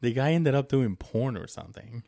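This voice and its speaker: A man's voice: mid-range voice, lively intonation, normal speed, gravelly, crowd noise. A man co-hosting a podcast in casual chat, joking, rambling and laughing often. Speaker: podcast co-host.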